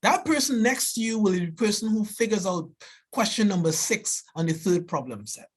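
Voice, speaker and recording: Here a forties-aged professor of biology with a heavy Trinidadian accent lectures in a seminar, animated and earnest, often starting over and ending lines with "right?" His voice is high-pitched with a breathy edge, at a moderate pace.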